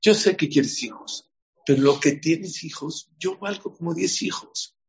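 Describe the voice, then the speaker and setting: A man's voice: fairly high pitch, unhurried, slight background noise. A man giving a sermon as a rabbi, telling stories and asking his listeners questions. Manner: storytelling, asks the audience questions. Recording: dull lo-fi recording.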